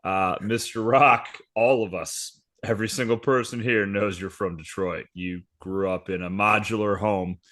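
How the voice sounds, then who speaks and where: A man's voice: lowish voice, fairly even intonation, a bit bright, close to an everyday voice. A man voicing a patronizing artificial-intelligence customer service agent who corrects and belittles the caller. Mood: condescending. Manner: prim, patronizing, slow and dry.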